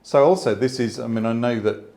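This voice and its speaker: A man's voice: mid-range voice, brisk, mellow. A man in his sixties, a landscape photographer, talking thoughtfully at an exhibition, with frequent restarts and asides. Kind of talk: conversational exhibition talk. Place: exhibition space before an audience.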